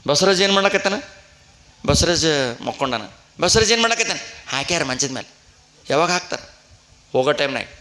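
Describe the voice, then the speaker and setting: A man's voice: a little high, lively intonation, fairly quick, long pauses, bright, forceful tone. A man giving a devotional storytelling sermon, acting out characters' cries and then explaining them to his listeners. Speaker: religious storyteller. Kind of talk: dramatic devotional purana sermon.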